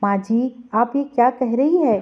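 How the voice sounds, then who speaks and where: A young, educated bride from an audio story who speaks firmly and resolutely, read by a woman. The voice is high. The recording is dull and lo-fi. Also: measured pace, close to an everyday voice. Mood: defiant. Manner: firm, resolute.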